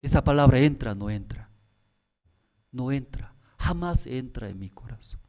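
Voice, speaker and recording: Male pastor, sermon delivery, lively swooping intonation, repetitive and pleading. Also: mid-range voice. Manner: repetitive, pressing rhetorical questions to the congregation; halting, broken phrasing. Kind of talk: sermon at a prayer service.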